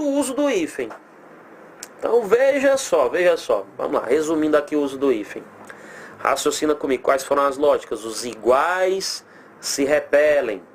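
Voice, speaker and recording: There's a little hiss or hum behind this slightly high male voice with a Brazilian accent. He's teaching grammar in a recorded lesson, drawing out sample words slowly, asking himself rhetorical questions, and keeping an animated energy.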